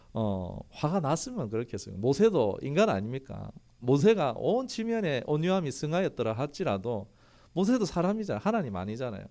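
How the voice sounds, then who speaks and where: A male pastor preaching a sermon who keeps asking rhetorical questions and reads scripture aloud in a formal tone. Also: mid-range voice. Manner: lively, fires rhetorical questions at the congregation.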